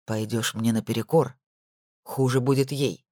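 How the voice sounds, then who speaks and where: A woman's voice: rumbling low, steady tone, moderate pace, dark tone, no echo, clean studio sound, voice pushed down. A woman voicing a cold, domineering husband who speaks in curt, menacing lines.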